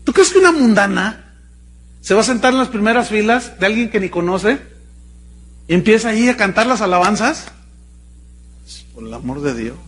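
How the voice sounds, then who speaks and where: A man from Mexico with a Jalisco accent, a pastor preaching a sermon in an animated, joking way, full of rhetorical questions. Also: high voice, normal speed, long pauses, slightly rough. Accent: Mexican Spanish, Jalisco. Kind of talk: sermon with storytelling.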